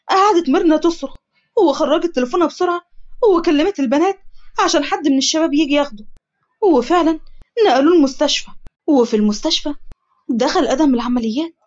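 A woman with an Egyptian accent narrating a story in a brisk manner. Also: high-pitched, a little mellow, highs cut off. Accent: Egyptian Arabic.

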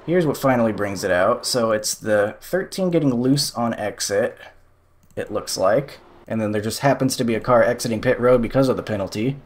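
A man's voice: mid-range voice, moderate pace. A young man giving casual, sarcastic commentary over a sim racing replay, exasperated at the calls.

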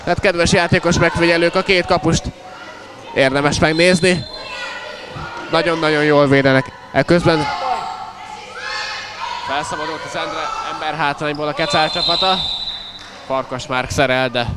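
A man giving excited live sports commentary in an animated way, exclaiming and calling out players' names. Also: fairly high pitch, long pauses. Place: indoor school sports hall during a match. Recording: noisy echoing crowd, live match sound. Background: loud crowd and bouncing ball.

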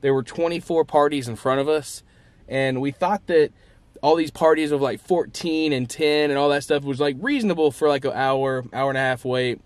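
A man's voice: fairly high pitch, moderate pace. Chatty young man vlogging on a trip. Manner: chatty, filler-heavy, upbeat. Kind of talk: casual vlog talk to camera.

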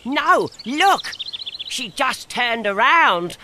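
A woman doing an excitable little storybook dog. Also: on the high side, drawn-out words, background noise, full character voice. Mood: worried. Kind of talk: textbook audio story.

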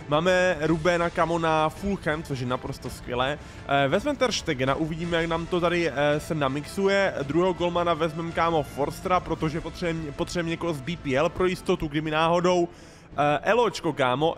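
A young man giving slangy, excited commentary while playing a football game, often breaking into loud sing-song shouts. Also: a little high. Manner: slangy, calls viewers "bro" constantly. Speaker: gaming streamer.

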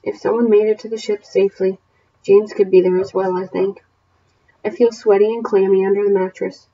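A woman teacher reading a novel aloud to her class, then setting homework questions in a steady, plain voice with small self-corrections. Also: medium pitch, fairly quick, muffled recording, a little hiss or hum.

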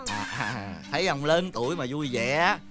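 A man's voice: medium pitch, animated, moderate pace, lightly acted. An actor playing an exasperated older village fortune-teller and father in a comedy sketch. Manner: exasperated, theatrical sighing and laughing. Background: background music.

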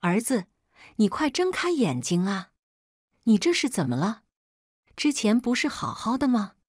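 A woman voicing a bossy, scheming middle-aged mother-in-law who talks in a shrill, domineering way in an audio story. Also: sing-song, measured pace, no room sound, clean studio sound. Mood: wailing. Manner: shrill and domineering, wailing when upset.

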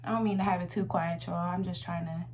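Over loud music, an American makeup vlogger in her twenties talks fast in a fairly low voice with fairly even intonation. Her tutorial chat is laid-back and slangy. She's indoors in a small home room, and the recording is noisy with hum.

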